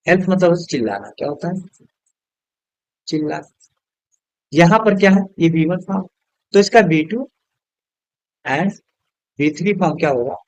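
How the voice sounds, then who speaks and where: A man teaching English grammar to students, his voice sitting a bit higher than most men's. He throws questions at the class and answers them himself, and he spells words out one letter at a time. The recording is close and dry, with no room echo.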